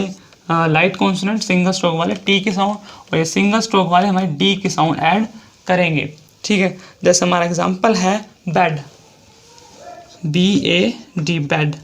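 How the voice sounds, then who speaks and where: A shorthand teacher with an Indian accent explaining a lesson step by step, repeating each example and spelling words out letter by letter. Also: medium pitch.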